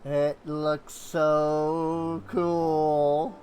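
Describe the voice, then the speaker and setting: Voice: mid-range voice, flat delivery, extremely slow, a little mellow. A gamer giving casual commentary while playing through a game.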